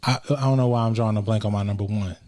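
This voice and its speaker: A man's voice: on the low side, steady tone, racing, darkish tone. A young man co-hosting a podcast in casual chat, often laughing and crude. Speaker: podcast co-host.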